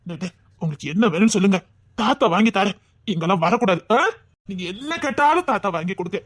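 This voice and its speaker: A performer with a Tirunelveli accent playing a tender, doting old grandfather in a comedy skit, talking slowly and fondly. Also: mid-range voice, lively intonation, dry recording, clean studio sound, natural voice. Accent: Tirunelveli Tamil. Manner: slow, fond and pleading, breaking into sobs. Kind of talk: skit acting.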